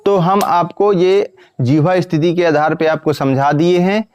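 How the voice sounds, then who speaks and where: Male teacher, grammar lesson, quizzing style, slightly high voice, dry close sound. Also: darkish tone, smooth, no room sound, muffled recording. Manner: asks the class questions and answers them himself; repeats points slowly and sounds out vowels.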